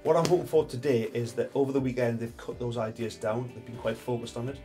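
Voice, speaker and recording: A creative director coaching a student team in a brisk, emphatic way that repeats the key points. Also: male voice, mid-range voice, fairly even intonation, warm tone, faint music behind. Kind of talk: coaching advice.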